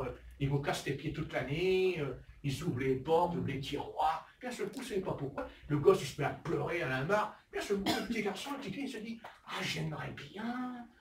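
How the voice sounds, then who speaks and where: A man in his sixties preaching a lively sermon, acting out little scenes and asking "hein?" often. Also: on the high side, slight background noise. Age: 60s. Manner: animated, acts out little scenes in put-on voices, asks "hein?" often. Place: church hall. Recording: echoey hall, voice from far off.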